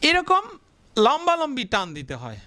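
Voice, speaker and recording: A male teacher giving a blackboard grammar lesson, asking the class questions, answering them himself and drawing syllables out slowly as he writes. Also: sits high, very animated, a bit bright. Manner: stretches out syllables slowly while writing.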